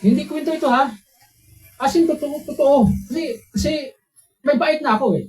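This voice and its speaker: A man preaching a sermon as a pastor, telling personal stories in an animated way and putting questions to his listeners. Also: very high-pitched, moderate pace, faint music behind, rough recording. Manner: animated storytelling, voices quotes, asks listeners questions.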